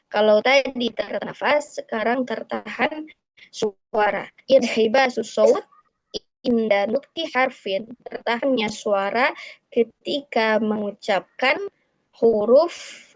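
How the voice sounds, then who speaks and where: A woman teaching Quran recitation in a slow, explanatory way, repeating key points. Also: a little high, dry recording, rough recording. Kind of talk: tajwid lesson.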